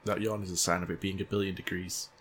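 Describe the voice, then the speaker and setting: A man's voice: deep voice, little pitch movement, fast talker, fairly bright tone, a little hiss or hum. A man reacting to a game showcase in blunt, sardonic casual commentary. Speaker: streamer.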